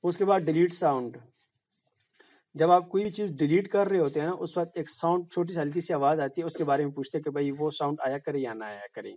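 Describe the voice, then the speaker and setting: A man's voice: a little high, a little mellow. A man, casually walking viewers through phone settings in a plain, repetitive tutorial manner. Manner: plain, repetitive explaining with fillers and "bhai" asides. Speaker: tutorial presenter.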